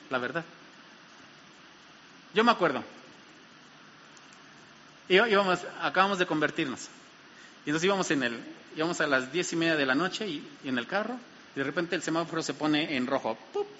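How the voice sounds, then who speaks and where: Bright-voiced pastor preaching. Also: male voice, fairly high pitch, fairly quick, long pauses, slight background noise. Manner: lively, asks the crowd questions. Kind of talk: sermon. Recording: dull sound in an echoey hall.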